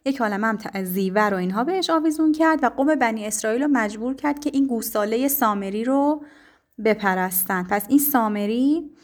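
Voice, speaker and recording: A woman teacher explaining poetry to her students, speaking patiently with frequent pauses and fillers. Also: fairly high pitch. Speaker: literature teacher.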